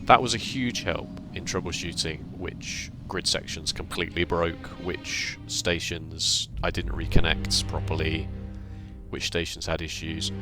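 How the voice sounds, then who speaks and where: Deep-voiced man giving dry game commentary. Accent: British. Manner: dry, self-deprecating, explains step by step. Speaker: gaming channel host. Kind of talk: casual gameplay commentary. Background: faint background music.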